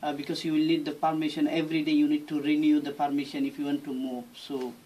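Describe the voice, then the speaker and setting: A man from Myanmar, the founder of a charity, speaks as an interview guest, explaining things haltingly and earnestly in non-native English phrasing. His voice is a little high and mellow with a flat delivery, recorded on a slightly distant mic with faint background noise.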